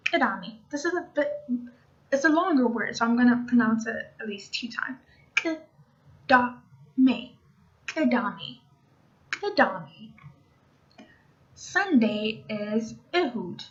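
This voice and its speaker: Young woman language tutor, higher-pitched, casual and chatty, drills words slowly, slightly muffled lo-fi audio. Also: a bit bright. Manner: chatty, repeats each word slowly for learners. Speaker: language teacher. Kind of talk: casual online language lesson. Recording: dull lo-fi recording.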